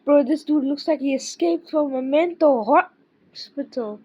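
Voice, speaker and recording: A woman's voice: high voice, a little slow, darkish tone. A woman hosting a reaction video, talking casually in slang and interrupting the clip she watches, on a dull lo-fi mic.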